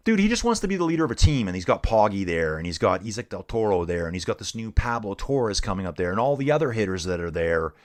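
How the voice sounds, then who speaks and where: Low-ish and sing-song, this middle-aged man's voice races along fast with barely a pause. He's giving relaxed live commentary on a bike race, chatting with his audience, reading out their messages, and dropping "dude" constantly.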